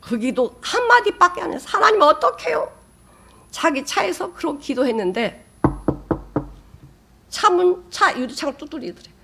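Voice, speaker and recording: A woman pastor giving a sermon, who swings from loud emphatic bursts to soft, near-whispered asides. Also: sing-song, moderate pace, creaky, long pauses, slight background noise. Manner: emphatic, with sudden rises in pitch and loudness.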